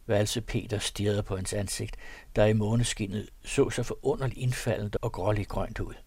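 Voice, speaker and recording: Husky, low-voiced male narrator. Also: fairly even intonation, darkish tone, no room sound. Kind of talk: audiobook narration.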